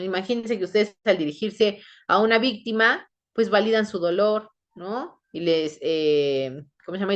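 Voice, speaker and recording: A woman teaching a class in a conversational way, often checking in with her listeners. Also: lowish voice. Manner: conversational, frequent tag questions, acts out quoted voices. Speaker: instructor. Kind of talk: online class lecture.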